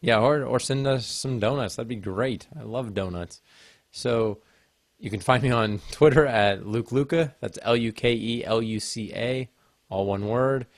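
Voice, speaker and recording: A man's voice: mid-range voice, unhurried, no echo, clean studio sound. A man co-hosting a tech podcast, giving his contact details in easygoing, hesitant casual chat. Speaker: podcast co-host.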